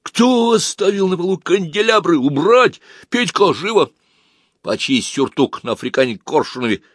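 A man reading a story aloud, voicing a gruff, bossy teenage stage manager who barks orders. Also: medium pitch, sing-song, moderate pace, a bit bright, no echo, clean studio sound, voice pushed up. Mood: frantic, bossy. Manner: barking orders.

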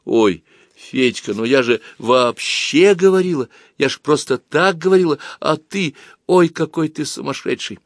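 A breathless young girl in a children's story who keeps gasping in alarm, as a male narrator puts her on. Her voice rides well above his own, quick to panic. The recording is close and dry. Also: a little high, expressive, no room sound, voice pushed up.

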